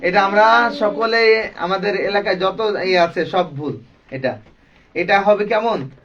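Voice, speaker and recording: A man leads a Quran recitation class, stretching out each sound as he demonstrates it and firing questions at his students. He talks very slowly. The recording is dull and distant, with a room full of people around him. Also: sits high, a crowd in the background. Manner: slow, drawn-out demonstrations, quizzing students. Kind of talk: classroom tajweed lesson. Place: classroom with a group of learners.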